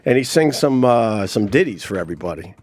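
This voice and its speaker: A man hosting a radio show, animated and enthusiastic, laughing often. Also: fairly low pitch, brisk. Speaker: radio host. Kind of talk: casual chat.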